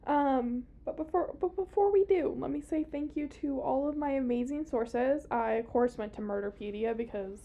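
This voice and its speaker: A woman's voice: sits high, normal speed, hardly any pauses, warm tone, highs cut off. A young woman hosting a podcast in casual chat, giggly and chatty, swearing freely. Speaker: podcast host. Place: small podcast room.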